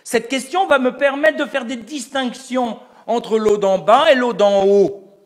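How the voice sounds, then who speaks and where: A man's voice: very high voice, measured pace. A man giving a lecture on religious texts, explaining step by step and posing rhetorical questions that he answers himself. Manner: explanatory, building an argument step by step. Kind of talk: recorded lecture.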